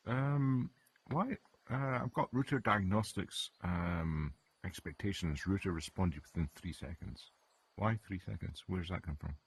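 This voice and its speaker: A man's voice: low voice, a little slow, hardly any pauses, husky. A man in a casual technical chat on a work call, chatty and thinking aloud as he works. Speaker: software developer on a work call.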